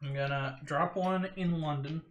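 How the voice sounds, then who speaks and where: A man's voice: a little high, fairly even intonation, moderate pace, dull audio. A man in his early twenties playing a board game, asking questions and thinking his moves aloud in casual chat. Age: 20s. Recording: echoey room.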